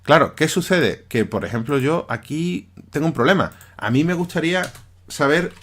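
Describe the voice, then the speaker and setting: A man's voice: a little high, animated, normal speed, a bit bright, a little hiss or hum. A man giving a recorded programming lesson over his screen, talking conversationally and often checking in with his listeners. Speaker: teacher.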